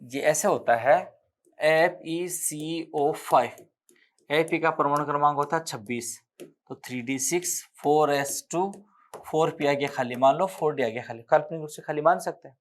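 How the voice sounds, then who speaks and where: A man's voice: on the high side, moderate pace. A man with a Rajasthani accent teaching an exam-prep chemistry lecture, explaining step by step, counting aloud and correcting himself as he writes on the board.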